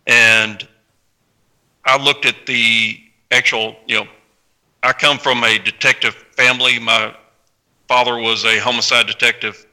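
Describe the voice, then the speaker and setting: An American man from Tennessee casually introducing his work as a panel guest, with halting phrasing. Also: mid-range voice, level tone, pushed and bright, rough recording. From Tennessee, United States. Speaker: novelist, podcast panel guest. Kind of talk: casual spoken book introduction.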